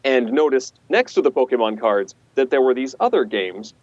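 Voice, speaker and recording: A man with a smooth, velvety voice and a dry, joking manner, chatting casually as an interview guest. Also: mid-range voice, big pitch swings, moderate pace, darkish tone, no room sound, highs cut off. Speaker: guest voice actor.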